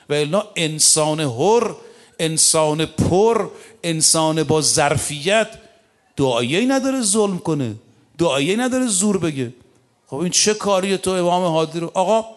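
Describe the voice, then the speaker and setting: Man preaching a storytelling sermon. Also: fairly high pitch. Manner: recites Arabic verses slowly, then tells stories in fast colloquial Persian.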